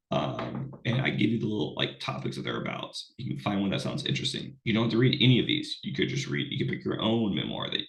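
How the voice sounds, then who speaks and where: A college English instructor, unwell and sounding off, gives a casual recorded online lecture, rambling with fillers and restarts. His voice sits low with vocal fry.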